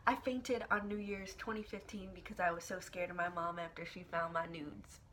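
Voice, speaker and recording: A young woman vlogger telling an embarrassing personal story in a dramatic, expressive way, swearing casually and with lots of filler words. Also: fairly low pitch, normal speed, a little hiss or hum. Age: young adult. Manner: casual, profane, filler-heavy. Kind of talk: storytime vlog.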